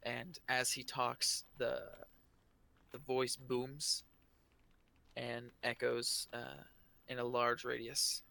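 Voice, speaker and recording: A man narrating as game master of a tabletop game, in a halting, hesitant way. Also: mid-range voice, monotone, gravelly, bright, forceful tone.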